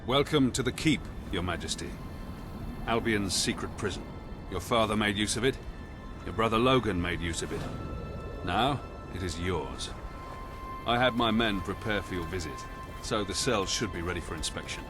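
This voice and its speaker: An actor playing a stern, dutiful prison commander in a video game, with a formal military manner. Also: male voice, fairly low pitch, animated, normal speed, over music, close to an everyday voice. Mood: formal, foreboding. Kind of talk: video game cutscene acting.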